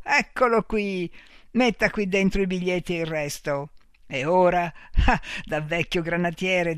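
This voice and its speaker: A man voicing a boisterous old male army veteran who talks slowly and emphatically, with a confidential, wheedling manner. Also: fairly high pitch, a bit bright, no room sound, studio quality.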